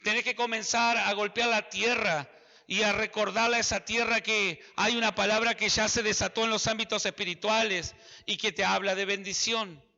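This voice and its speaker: A man's voice: sits high, level tone, moderate pace, gravelly, bright, forceful tone, in a large hall, lo-fi sound. A man with an Argentine accent preaching a sermon, emphatic and repetitive, speaking straight to his listeners. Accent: Argentine Spanish. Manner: emphatic, repeats phrases, addresses listeners directly.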